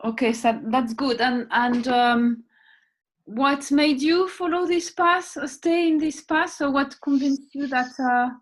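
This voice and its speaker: A woman's voice: high-pitched, a little slow. A woman interviewing a guest, asking questions hesitantly with many fillers.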